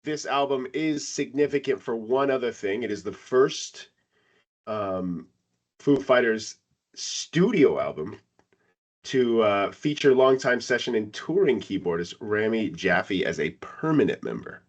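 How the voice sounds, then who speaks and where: Man, podcast co-host, casual music review chat, lively storytelling voice, mid pitch. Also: unhurried. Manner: animated storytelling with big pitch jumps.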